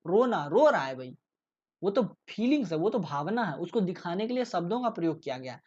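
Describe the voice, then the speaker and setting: Here a tutor moves fairly quickly through exam material, his high, sing-song and slightly mellow voice asking rhetorical questions and checking in often with "ठीक है". It's a casual exam-prep lecture with dull audio.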